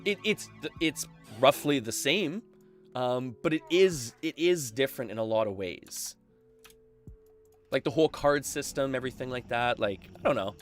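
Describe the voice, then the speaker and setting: A man's voice: medium pitch, moderate pace, faint music behind. A Canadian man chatting casually on his live game stream through a headset, full of fillers and laughs.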